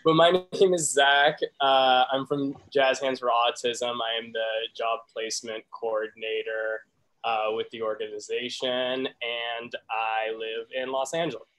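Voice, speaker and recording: A man introduces himself on a video call, friendly and using a few filler words. His voice is mid-pitched and plain. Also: flat delivery, measured pace, fairly bright tone, poor audio. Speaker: job placement coordinator.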